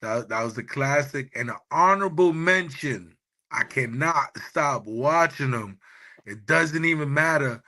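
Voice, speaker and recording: A man with a bright, forceful voice sits slightly higher than most. He chats loosely and slangily on a podcast, laughing often. The talk is animated and easygoing. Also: measured pace. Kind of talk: casual chat.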